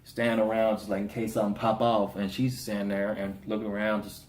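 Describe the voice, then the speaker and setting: A man giving a casual spoken review of a TV episode, slangy and animated, slipping into voices for the characters. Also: fairly low pitch, a little fast. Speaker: TV show reviewer. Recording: roomy echo.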